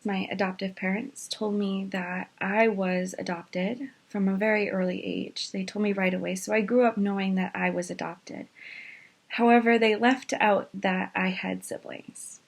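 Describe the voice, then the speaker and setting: A woman in her twenties from Maine, telling her own story in a casual, animated way, with many fillers and quick rushes of words. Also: mid-range voice, vocal fry. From Maine, USA. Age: 20s.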